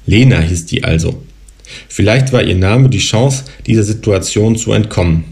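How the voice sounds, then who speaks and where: A man in his thirties reading from his own novel in a calm, even narrative voice. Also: lowish voice, moderate pace. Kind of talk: literary reading.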